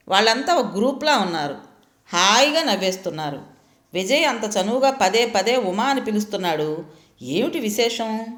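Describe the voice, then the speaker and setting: A woman narrates a story with expressive, lilting reading. Her pitch moves freely up and down. The room around her gives a clear echo. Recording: roomy echo.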